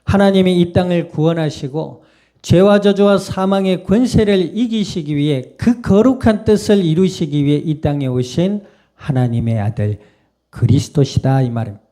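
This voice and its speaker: A man's voice: a little high, mellow. A male pastor, preaching in a conversational way and often putting questions to the congregation. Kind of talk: sermon.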